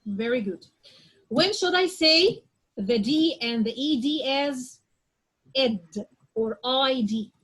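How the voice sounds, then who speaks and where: A woman's voice: sits high, expressive, takes it slowly, long pauses, a bit bright, slightly rough, poor audio. A woman teaching English pronunciation in class, drilling example words one by one and often checking with "okay?". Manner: drills word sounds aloud one at a time.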